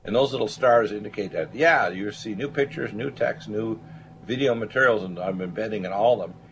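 Deepish voiced guy rambling as talk radio host, sure of himself, salesy, slight background noise. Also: a little fast, a bit bright, low-quality recording. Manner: self-assured, salesman-like. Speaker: talk show host and doctor. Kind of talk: unscripted monologue to listeners.

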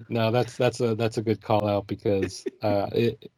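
A man's voice: fairly low pitch, slow, no room sound. A man co-hosting a music podcast, chatting casually and thinking aloud. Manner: relaxed, thinking aloud with fillers and laughs. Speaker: podcast co-host.

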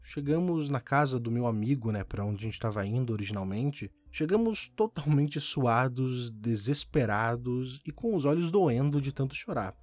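A man's voice: medium pitch, expressive, moderate pace, few pauses, a little mellow, dry recording, faint music behind. A man hosting a podcast, reading a listener's horror story aloud with dramatic rises and falls for suspense. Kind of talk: scripted horror story narration.

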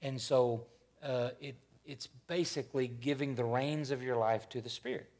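Man, 50s, church panel host. Folksy, rambling, mid-pitched, keeps restarting lines. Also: fairly even intonation, normal speed, a little mellow. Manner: rambling, self-correcting, folksy. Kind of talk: casual church discussion.

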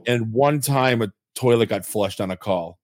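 A man's voice: mid-range voice, normal speed, dry recording. Rambling man with a dry close sound. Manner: rambling, self-deprecating, loose anecdotes. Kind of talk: casual conversation.

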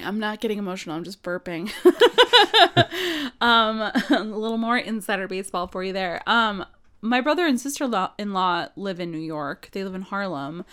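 A woman's voice: medium pitch, fairly bright tone, clean tone. A woman co-hosting a podcast from a home study, chatting casually with many fillers and frequent laughs. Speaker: podcast co-host. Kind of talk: casual chat.

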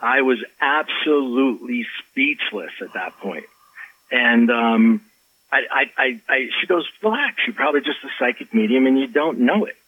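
A man's voice: mid-range voice, moderate pace, no echo. A man, an author and life coach, telling a personal story in an interview, with lots of restarts and acted-out quotes. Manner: animated storyteller, acts out quotes, many restarts. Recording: slightly dull lo-fi audio.

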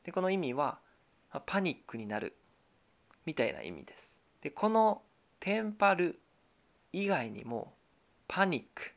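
A man teaching a Japanese lesson, speaking in a careful, deliberate way. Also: a little high, sing-song, creaky. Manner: slow, careful, deliberate delivery. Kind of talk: scripted language lesson.

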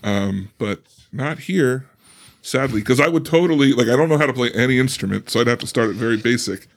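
A young man co-hosting a book podcast, chatting casually with halting restarts and frequent laughs. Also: medium pitch. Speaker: podcast co-host. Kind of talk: casual chat.

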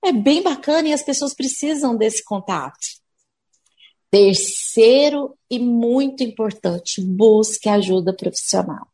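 A woman's voice: on the high side, unhurried, mellow. A woman, a speech therapist answering interview questions patiently and acting out what parents and children say. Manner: explains patiently, acting out parents' and kids' words.

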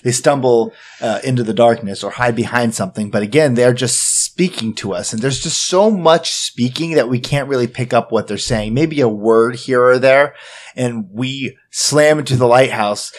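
A man's voice: mid-range voice, moderate pace. A man playing a tabletop game, role-playing casually and bluntly, with a sweary edge. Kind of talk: casual improvised role-play.

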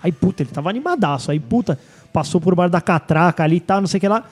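A man's voice: high-pitched, racing. A man from São co-hosting a casual podcast, telling stories and acting out his son's lines. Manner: animated storyteller, acts out voices of his son. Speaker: podcast co-host.

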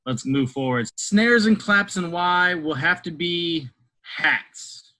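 St louis producer guy, bright forceful voice, laid back intro. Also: a little high, slow, rough recording. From St. Louis, Missouri. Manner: laid-back, reflective, casual. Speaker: music producer contestant. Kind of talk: recorded self-introduction.

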